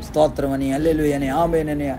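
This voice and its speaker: A man's voice: a little high, flat delivery, a little fast, a crowd in the background. A male pastor preaching a sermon with fervent, repetitive rhetorical questions.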